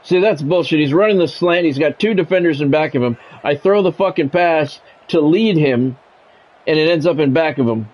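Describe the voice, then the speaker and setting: A man speaking at normal speed with a fairly high, slightly mellow voice does play-by-play for a football video game on a live stream. He mixes the commentary with plain-spoken, grumbling stream chat.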